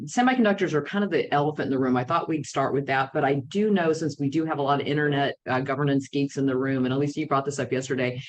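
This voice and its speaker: A woman's voice: deep voice, low-quality recording. An American woman moderating a conference panel, chatty and informal, with many fillers and restarts. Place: conference room with audience.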